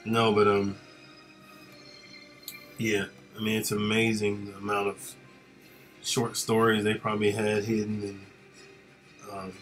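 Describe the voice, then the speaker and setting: A man casually chatting with viewers of his live stream while he works, relaxed and rambling with lots of fillers. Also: fairly low pitch, takes it slowly, long pauses, soft background music.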